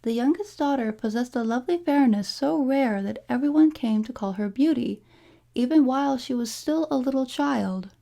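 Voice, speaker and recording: A woman narrating a fairy tale from a storybook in a measured, formal storytelling delivery. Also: high voice, creaky, dark tone. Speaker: storybook reader.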